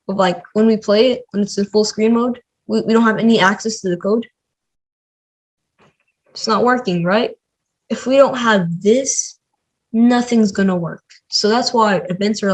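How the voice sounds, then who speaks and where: A man walks through a coding tutorial on screen recording, speaking casually and chattily with plenty of "like" and "um." His voice is high and moderately paced, and the recording is rough.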